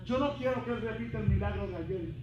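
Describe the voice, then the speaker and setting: A man preaching with passion, swinging between loud calls and hushed lines, heard from a distance in a church. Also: sits high, fast, muffled recording. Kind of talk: bilingual sermon. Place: church sanctuary. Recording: roomy hall from a distance with background hum.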